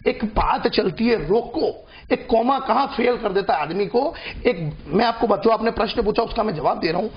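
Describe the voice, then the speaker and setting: A man argues as a party spokesman in a heated televised debate. His voice sits high and has a gravelly edge, and he keeps talking over his opponents. The audio sounds dull and lo-fi. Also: animated, brisk, few pauses, slight background noise. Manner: combative, talks over opponents, repeats points.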